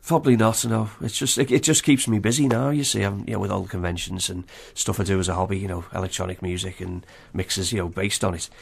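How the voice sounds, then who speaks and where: A man's voice: low-pitched, steady tone, quick pace, creaky, hardly any pauses, breathy edge. A man with a Liverpool accent chatting informally as an interview guest, peppering his talk with 'you know'. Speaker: interview guest, film fan and exhibitor. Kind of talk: casual chat.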